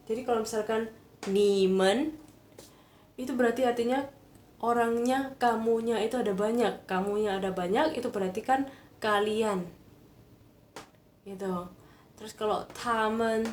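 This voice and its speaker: Slow, patient woman teaching Mandarin. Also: medium pitch, reverberant, slight background noise. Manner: patient, reads out viewer questions, frequent "sorry". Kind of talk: online live lesson.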